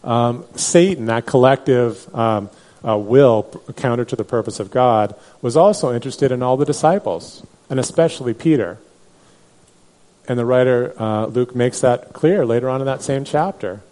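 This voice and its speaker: A man's voice: medium pitch, moderate pace, dark tone. A man teaching a Bible class in a conversational way, with many fillers and restarts. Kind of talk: Bible study lecture.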